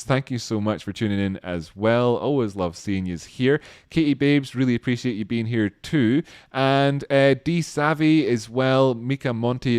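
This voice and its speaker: A man's voice: medium pitch, a little mellow, clean tone, no room sound, clean studio sound. A man hosting a live stream, casually thanking viewers by name in a rambling, self-deprecating way with many restarts.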